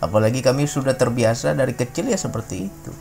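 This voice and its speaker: A man's voice: medium pitch, animated, fast talker, vocal fry, darkish tone, faint music behind. A middle-aged man from Sumatra, giving an informal spiritual talk in a conversational way, often tagging his sentences with a questioning "ya". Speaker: religious talk speaker.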